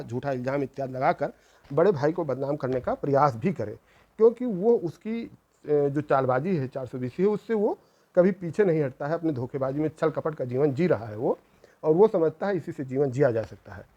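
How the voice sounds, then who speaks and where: Earnest storytelling man, mellow voice. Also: a little high, lively intonation, brisk, highs cut off. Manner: earnest, reproachful, with repetitions. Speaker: channel host. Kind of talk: moralizing storytelling.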